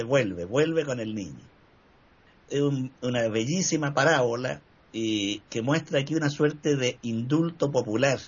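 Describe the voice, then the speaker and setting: Husky older man, measured talk. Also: mid-range voice, highs cut off. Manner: measured, discursive, with frequent "eh" fillers. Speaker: panel speaker. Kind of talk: reflective discussion talk.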